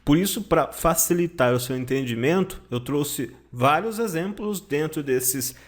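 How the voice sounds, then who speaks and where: Male language teacher, somewhat high voice, patient explainer. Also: animated, a little slow. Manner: explanatory, frequent "tá?" and "né?" checks. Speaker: German teacher. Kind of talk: online language lesson.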